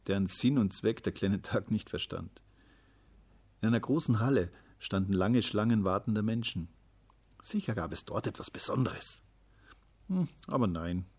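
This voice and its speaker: A man reading a storybook aloud in a calm, measured way. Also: lowish voice, slightly rough. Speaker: narrator.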